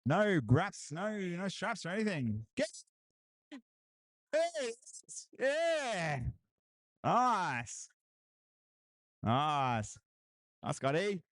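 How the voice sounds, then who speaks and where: A man doing live, excitable commentary on a strongman deadlift event, hyping lifts and chatting with viewers. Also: high voice, extremely slow, long pauses, no echo. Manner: excitable hype, repeated cheers and laughs. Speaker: livestream commentator.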